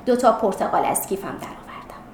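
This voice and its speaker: A woman's voice: mid-range voice, expressive, roomy sound, slight background noise. A woman narrating a story expressively and acting out the characters' voices. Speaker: story reader.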